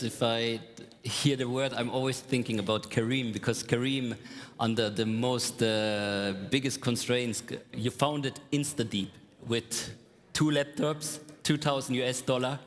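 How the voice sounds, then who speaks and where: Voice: medium pitch, a little slow. An enthusiastic moderator with a mid-range voice puts questions to panelists on stage. A long reverb from the large hall trails after each phrase. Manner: enthusiastic, reacts with repeated exclamations.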